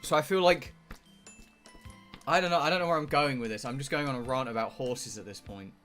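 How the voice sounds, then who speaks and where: A game streamer from England with a southern English accent chats casually and bluntly on a livestream, rambling and swearing freely. His medium-pitched voice is fairly quick and fairly bright, with faint music behind him.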